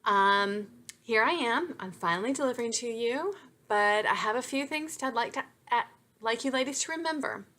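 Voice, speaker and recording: A woman's voice: a little high, animated, normal speed, sharp tone. A woman author, chatty and self-deprecating, reading from her own romance novel into a webcam. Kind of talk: chatty intro then novel reading aloud.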